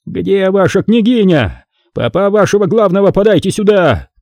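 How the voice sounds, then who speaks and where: Blustering, threatening envoy man, read by a male narrator; high, husky, lively. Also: measured pace, no room sound, full character voice. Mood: furious. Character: furious Tatar envoy man, arrogant and shouting.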